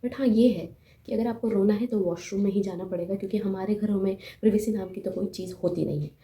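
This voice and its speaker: A woman's voice: mid-range voice, fast talker, warm tone. A young woman giving casual self-help advice to camera. She talks in a chatty, joking way and often checks in with her listeners. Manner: chatty, joking asides, frequent "theek hai?" check-ins. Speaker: self-help video host. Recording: noticeably roomy, with faint room noise.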